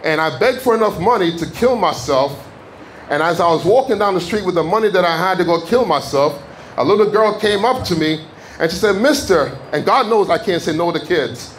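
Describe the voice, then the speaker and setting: A man from Jamaica preaching in a church, giving a fervent testimony that builds to shouted declarations. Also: high-pitched, expressive, brisk, slight background noise. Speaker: guest preacher. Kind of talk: sermon testimony. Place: church sanctuary.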